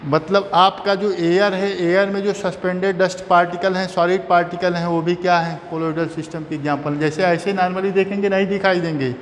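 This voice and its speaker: High-voiced man teaching chemistry in a reverberant room. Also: flat delivery, moderate pace, few pauses. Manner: repetitive, asks and answers own questions. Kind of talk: classroom lecture. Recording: long reverb, faint background noise.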